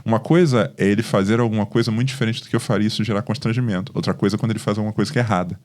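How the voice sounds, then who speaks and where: A man's voice: on the low side, very fast. A Brazilian man, a pastor, speaking in a podcast conversation, telling stories with animation and acting out the dialogue. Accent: Brazilian Portuguese. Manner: animated storytelling, acts out dialogue.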